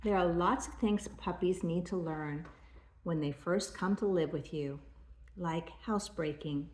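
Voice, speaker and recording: An older woman with a grandma voice, reading a children's storybook aloud in a measured storytelling way. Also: fairly low pitch, darkish tone, echoey room.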